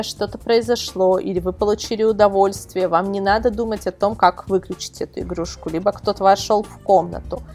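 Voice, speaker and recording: A woman with a fairly low, slightly mellow voice appears as a guest expert, the editor of a product review site. In informal interview talk, she gives a detailed explanation and works through examples.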